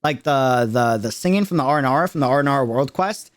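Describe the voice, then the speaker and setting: Speaking fast at medium pitch with lively intonation, a male streamer reacts to a game video. He keeps up casual, emphatic commentary for his viewers, leaning on slang and repetition for emphasis.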